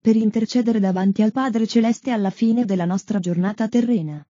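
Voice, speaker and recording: A woman reads a devotional catechesis at a measured, devout pace. Her voice is very dark and husky. The recording is dull, dry and lo-fi. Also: medium pitch, dry recording.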